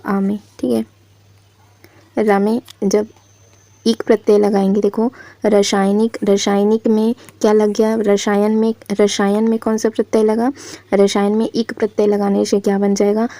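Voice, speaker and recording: Flat-toned woman teaching a spelling lesson. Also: medium pitch, no echo. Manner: patient, repetitive question-and-answer teaching. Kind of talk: exam-prep spelling lesson.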